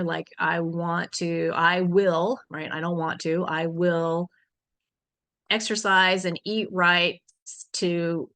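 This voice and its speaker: Chatty lower-pitched woman teaching a workshop. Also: a bit bright. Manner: chatty, frank, many fillers and restarts. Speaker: workshop instructor. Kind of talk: conversational farm business lesson.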